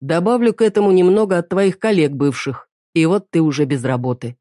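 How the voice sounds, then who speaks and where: A woman's voice: lowish voice, brisk, dark tone, dry recording, clean studio sound. A woman narrating an audiobook in a tense, clipped reading.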